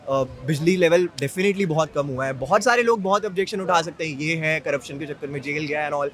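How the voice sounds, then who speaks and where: A young man giving his opinion in a street interview, calm and measured, slipping English phrases into his talk. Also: a little high. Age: young adult. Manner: measured, mixes English into speech.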